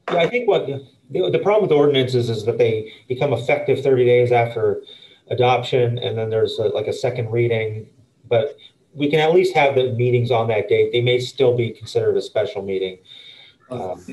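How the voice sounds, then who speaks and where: A man's voice: mid-range voice, normal speed, a little mellow, slight background noise, poor audio. A man with a mid-range voice explains procedure to a city committee. He starts with a few hesitations, then lays out the steps in an explanatory way.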